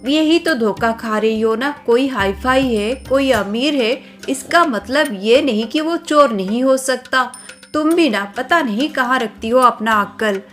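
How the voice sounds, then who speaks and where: A woman's voice: fairly high pitch, unhurried, fairly bright tone, faint music behind. A woman voicing a sensible elder sister-in-law who frets and scolds, in a cartoon story. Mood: scolding. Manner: scolding, fretful.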